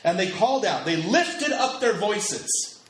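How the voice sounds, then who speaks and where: A very animated American pastor in his thirties preaches unhurriedly in a voice that sits high. He's emphatic, repeating phrases for stress, and the echoey hall adds faint ambience.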